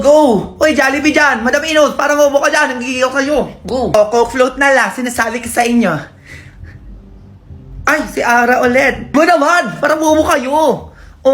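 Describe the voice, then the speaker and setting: A woman's voice: high voice, fairly bright tone. A woman playfully teasing viewers by name as she hosts a comedic selling segment. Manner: teasing, playful, calls out names.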